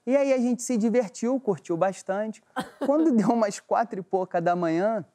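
A man's voice: sits high, animated, moderate pace, mellow. A young man casually telling a comic story to a TV studio audience, acting out the dialogue and swearing freely.

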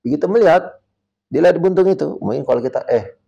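A man talks on a podcast, telling a story with lively swings in pitch and loudness. He acts out the voices of the people he quotes and slips English words into his talk. He speaks as a martial arts coach. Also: quick pace, vocal fry, dull audio. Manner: mixes English words into speech.

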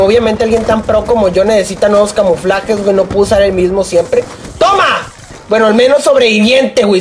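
A young man with a Mexican accent giving live gameplay commentary, swearing, joking in rambling asides and yelling at opponents. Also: extremely high pitch. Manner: profane, excitable, yells at opponents. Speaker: gaming YouTuber.

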